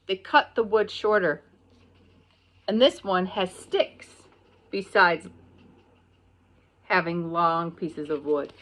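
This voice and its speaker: A middle-aged woman with an American accent teaches pre-kindergarten, and here she reads a picture book aloud with simple explanations and pauses on key words. Her voice is mid-range.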